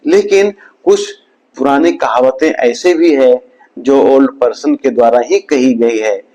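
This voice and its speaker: A man giving a scripted motivational talk in a slow, measured way, with his voice dropping low at the end of each point. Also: warm tone, low-quality recording. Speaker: motivational speaker.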